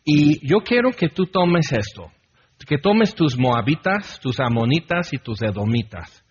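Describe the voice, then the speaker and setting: A man's voice: a little high, big pitch swings, unhurried, breathy edge. A man preaching a sermon as pastor in an earnest way, leading his congregation in a responsive psalm reading. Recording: dull lo-fi recording.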